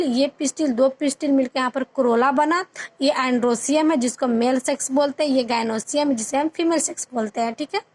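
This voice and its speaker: A woman teaches a biology class online, her voice pitched high. She walks through each point step by step and keeps checking that her students are following. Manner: explains step by step, checks in with "ठीक है" often.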